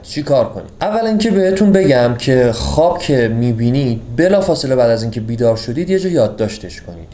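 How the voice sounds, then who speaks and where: A man casually summarizing a book for his audience, chatty and jokey, swinging between loud and hushed delivery. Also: mid-range voice, echoey room, slight background noise.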